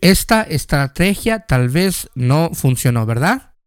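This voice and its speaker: A man's voice: fairly high pitch, big pitch swings, takes it slowly, clean tone, no echo, clean studio sound. A male pastor giving a conversational sermon, asking the listeners questions and telling personal stories.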